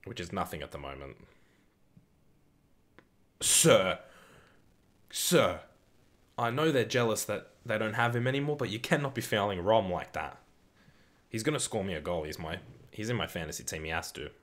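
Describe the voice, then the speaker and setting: Male streamer with a lowish voice, chatty and reactive, hosting a casual football watch-along. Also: expressive, moderate pace, long pauses. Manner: chatty, reads and answers viewer comments, reacts loudly to play. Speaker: live-stream host.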